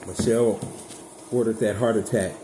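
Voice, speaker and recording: Casual male tarot reader, lowish voice, blunt and chatty, echoey room with noise behind. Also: steady tone, moderate pace, mellow. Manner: chatty, blunt and profane, talks straight to viewers. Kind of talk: casual tarot reading to viewers.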